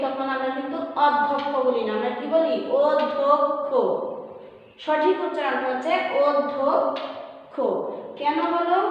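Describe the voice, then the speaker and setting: Woman teacher, online lesson, questions answered herself, key words drawn out; room has a long hall-like reverb. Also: sits high. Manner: asks the class questions and answers them herself; stretches out example words slowly.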